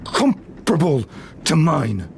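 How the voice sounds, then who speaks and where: An actor playing a grieving, lonely monster in a gothic audio drama, eloquent, bitter and anguished. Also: male voice, fairly high pitch, sing-song, slow, full character voice. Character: grieving, bitter, lonely male monster, creature made by man. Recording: clear background ambience noise.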